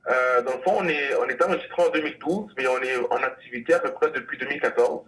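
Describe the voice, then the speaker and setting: A man from Congo answers a radio host's questions about his language school. He hesitates often and restarts his sentences as he thinks. His voice sits at an everyday pitch and sounds a touch distant from the microphone. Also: fast, fairly bright tone. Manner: hesitant, many fillers and restarts. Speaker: language school director, guest.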